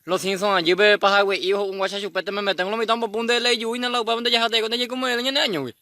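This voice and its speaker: A man's voice: high-pitched, flat delivery, fast, pushed and bright, dry recording. A man doing a comic monologue, rambling in mumbled, clipped slang. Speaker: comedian.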